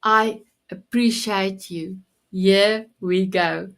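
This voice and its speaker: Hosting a motivational livestream, this Afrikaans-speaking woman keeps things upbeat and affirming, sprinkling in plenty of endearments. Her voice sits in the mid-range, steady in tone, with drawn-out words.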